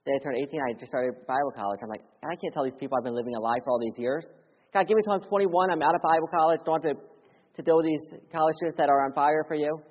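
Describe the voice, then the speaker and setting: This sermon comes from a young missionary preacher from Philadelphia who speaks very fast, sharing his testimony with earnest urgency. His slightly husky voice alternates between loud pleas and soft, hushed moments, ringing through a church with long reverb on a dull recording.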